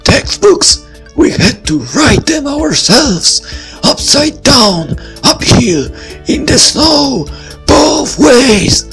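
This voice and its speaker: A man voicing a blustery male history teacher who barks orders like a drill sergeant, shouting high and loud. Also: sing-song, extremely slow, soft background music, exaggerated voice. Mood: bellowing.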